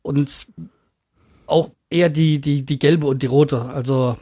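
Hesitant man with husky voice. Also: on the high side, steady tone, a little slow, mellow, no room sound, clean studio sound. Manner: hesitant, repeats words, opinionated. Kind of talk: casual podcast chat.

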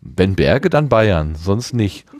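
Man from the Ruhr area, low and lively, rambling casual chat, close and dry. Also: slow pace, dry recording. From Ruhr area, Germany. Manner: rambling, self-deprecating, with many restarts and laughs. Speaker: conversation partner.

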